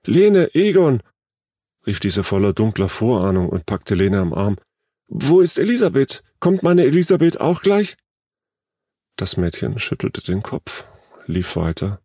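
A man reading a short story aloud as scripted narration, in a calm, measured storytelling manner. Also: deep voice, no room sound, clean studio sound. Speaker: story reader.

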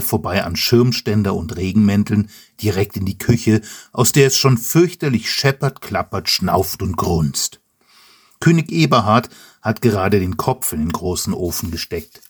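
A man with a low, husky voice reads a children's story aloud as host, addressing the young listener directly. His narration is friendly and steady, with a slightly rough, breathy grain. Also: normal speed.

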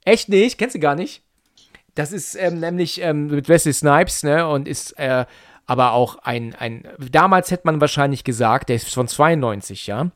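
A man in casual podcast chat, excitedly retelling a film plot, full of fillers and restarts. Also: on the high side, moderate pace, dry recording, studio quality. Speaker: podcast co-host.

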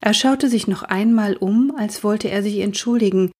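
Breathy woman reading a children's book. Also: mid-range voice, normal speed. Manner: gentle, addresses young listeners directly. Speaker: host of a book reading series.

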